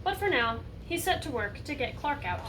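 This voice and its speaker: Reading a picture book aloud to kids, a teacher with a high voice keeps a normal speed and a lively, teacherly delivery. She pauses for questions and side comments to engage her young listeners. She's recorded from a distance with faint background noise.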